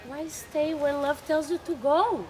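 A woman as a fickle young man in love, high voice, blunt and cold, outdoor stage play. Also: a little slow, background noise. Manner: blunt, dismissive. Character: Lysander, young male lover, fickle and cold.

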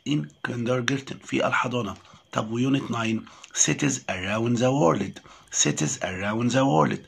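Gravelly, husky Egyptian man teaching. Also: medium pitch. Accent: Egyptian Arabic. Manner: repeats each English word slowly several times, then explains it. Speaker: English teacher. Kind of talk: recorded lesson.

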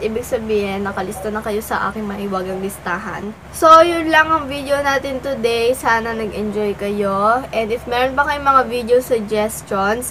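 Young female vlogger, slightly high, stuffy cold, teasing and casual; faint background hiss. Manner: playful, teasing comebacks; eating while talking. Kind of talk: casual vlog reacting to comments.

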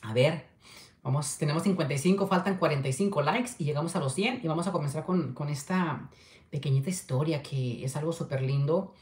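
A man with a fairly high, slightly mellow voice speaks briskly during a casual livestream, reading viewer comments in an affectionate, chatty way and repeatedly asking for likes. He's in a small home room with a window, recorded on a webcam at desk distance, with an echoey sound.

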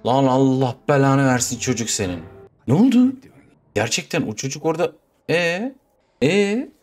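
A young gaming YouTuber with a Turkish accent comments while playing a horror game, jumpy and swearing as he talks to himself and the game. His medium-pitched, slightly mellow voice is expressive and moderately paced, with soft music in the background.

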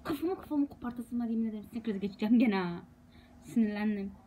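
Young female student vlogger, fairly high voice, rambling and exasperated, faint hiss behind. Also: fast talker, warm tone, low-quality recording. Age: young adult. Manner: frustrated, rambling venting. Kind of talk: casual vlog talking to viewers.

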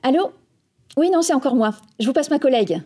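A woman's voice: high voice, expressive, a little fast, heavy background noise. A woman playing a bumbling customer service agent, speaking in a phone-greeting manner in a comic training sketch. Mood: flustered, hesitant. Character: bumbling, slightly flippant call-centre customer service agent. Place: small office set, indoors. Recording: background music.

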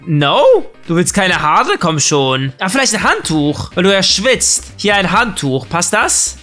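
Young man, animated gameplay commentary, joking, bright voice, faint game music. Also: high voice, unhurried. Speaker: gaming YouTuber. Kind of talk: casual let's-play commentary.

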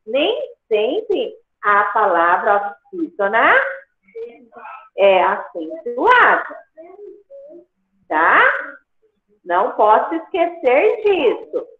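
A woman teacher gives a patient online grammar lesson, pausing to check that the class follows along. Her voice is high and swoops a lot, and she speaks slowly. It comes through a tinny, phone-like line from an echoey room. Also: very animated. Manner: patient, repeats points with "tá?".

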